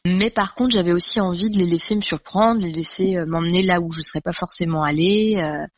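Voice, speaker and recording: A woman's voice: lowish voice, dry recording. Songwriter woman on radio, lots of euhs, dry dull lo-fi sound. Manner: halting, many fillers, thoughtful. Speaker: singer-songwriter guest. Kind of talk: radio interview.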